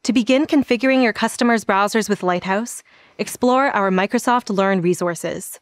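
A woman in her thirties presenting a scripted software tutorial with a polished, even delivery, standing on an indoor studio set. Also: medium pitch, normal speed, no room sound. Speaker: product presenter.

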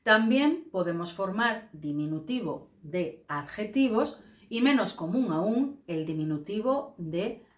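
A woman from Spain with a Spain accent, teaching a Spanish grammar lesson in a clear, careful way. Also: mid-range voice, animated, slow, reverberant.

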